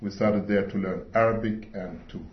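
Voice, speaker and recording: This is sermon talk from a middle-aged Swiss man speaking at a church meeting in English, which is not his native language. His somewhat low voice keeps a fairly even intonation as he goes slowly and earnestly, often pausing with fillers. The audio is muffled and roomy, as in a hall.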